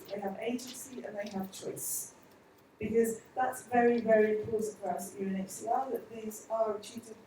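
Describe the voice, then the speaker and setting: A woman's voice: medium pitch, dark tone, a little hiss or hum. A woman from an aid agency giving an earnest conference presentation full of rhetorical questions, recorded from far off in a large hall.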